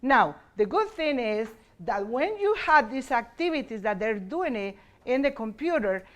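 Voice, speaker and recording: A woman teacher presenting at a conference. She explains her classroom activities step by step and switches between English and Spanish. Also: a little high.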